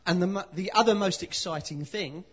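A man from London with a London accent, preaching as a guest and pausing after short phrases for his interpreter. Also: high-pitched, slightly rough, lo-fi sound. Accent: London English. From London, England. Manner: lively, pauses for interpreter, speaks in short phrases. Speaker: visiting preacher. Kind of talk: sermon with live interpretation.

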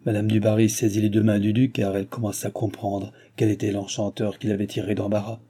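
A man narrating a classic novel as an audiobook in a measured, even reading. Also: fairly low pitch, slightly rough.

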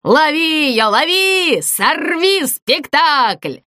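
A woman's voice: sits high, sing-song, extremely slow, pushed and bright, no echo, clean studio sound, voice pushed up, heavily acted. A woman voicing a sneering, rule-obsessed ghost in a storybook, mocking and gloating with giggles. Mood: scheming.

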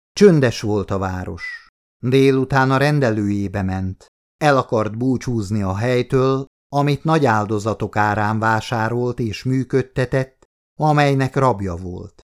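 Steady male audiobook narrator. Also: mid-range voice. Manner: steady, measured reading. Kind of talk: scripted narration.

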